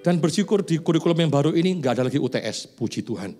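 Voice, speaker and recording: A man in his forties preaches to his congregation with a slightly high voice, shifting from easy jokes to pointed, rising questions. Soft music plays behind him in the church. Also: expressive, fast talker. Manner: conversational, joking asides, rising emphatic questions. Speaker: pastor. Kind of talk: sermon. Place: church sanctuary.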